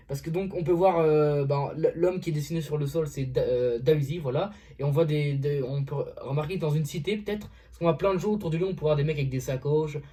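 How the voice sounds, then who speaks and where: Casual album review vlog, hesitant reviewer, mellow warm voice, fillers and restarts. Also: mid-range voice. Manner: keeps saying "voilà". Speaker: music reviewer.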